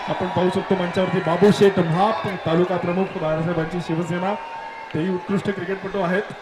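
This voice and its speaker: A man's voice: high voice, little pitch movement, a little fast. A man with a Marathi Indian accent making emphatic, exclamatory live cricket commentary and stage announcements. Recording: echoey PA sound over loud crowd. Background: cheering crowd.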